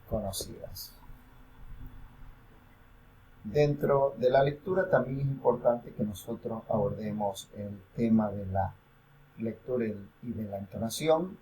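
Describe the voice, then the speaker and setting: A man's voice: fairly low pitch, a little mellow, low-quality recording. A male university lecturer explaining reading and intonation, with frequent fillers and self-corrections. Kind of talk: recorded academic lecture.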